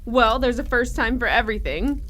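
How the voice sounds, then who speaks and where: A woman's voice: fairly high pitch, animated, moderate pace, fairly bright tone, a little hiss or hum. A woman playing a frightened, protective mother in an audio horror drama, speaking urgently and expressively. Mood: anxious.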